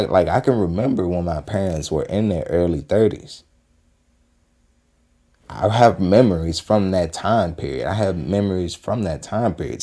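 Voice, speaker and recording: A man in his twenties from Western Pennsylvania, with a low, warm voice, hosts a video reacting to a clip and talks loosely about urgency in life. The casual motivational talk rambles, with many fillers and repeated phrases.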